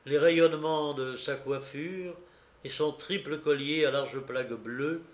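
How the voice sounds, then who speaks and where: A man reading a classic novel aloud in a slow, measured narration, lifting his voice for quoted shouts. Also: a little high, echoey room. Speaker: audiobook reader. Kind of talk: literary narration.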